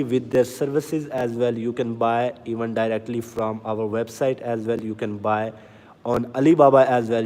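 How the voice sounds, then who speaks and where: A man hosting a livestream to sell farm machinery, talking slowly and earnestly and answering viewer comments. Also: mid-range voice, darkish tone, big-room sound. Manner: deliberately slow, earnest, reads out comments. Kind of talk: casual livestream talk to viewers. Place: inside a factory or showroom.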